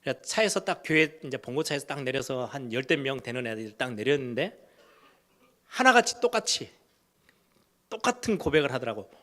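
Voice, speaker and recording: Man preaching a sermon, middle-aged, storytelling, loud bursts then quiet low asides, mid-pitched voice. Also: very animated, brisk. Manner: storytelling, acts out quoted voices of kids and parents; wide swings between loud emphatic and hushed low phrases. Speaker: pastor.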